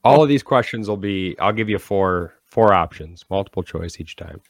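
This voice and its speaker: Deep-voiced man hosting trivia. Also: gravelly, no echo, studio quality. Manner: steady, reads questions slowly and deliberately. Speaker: podcast co-host running trivia. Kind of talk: casual chat, quiz hosting.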